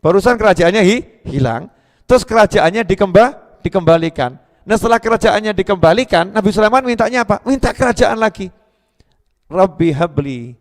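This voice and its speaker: A man preaching to a gathering, his colouring a loose, chatty delivery. His voice sits a little high, and he teases the listeners and clips words before restarting them. A long reverb hangs in the hall behind him. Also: animated, brisk. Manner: conversational, teasing the audience, restarts words mid-syllable. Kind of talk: sermon to a live gathering.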